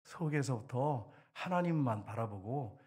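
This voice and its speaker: A middle-aged man, a pastor, preaching an animated sermon with sudden loud bursts and hushed asides. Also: mid-range voice, unhurried, background noise.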